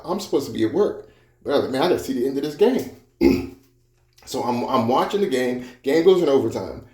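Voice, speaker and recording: A man's voice: medium pitch, warm tone, roomy sound. A man giving a motivational talk about his own experiences, speaking conversationally and repeating himself, with frequent restarts. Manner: conversational, repetitive storytelling with restarts. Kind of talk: personal storytelling talk.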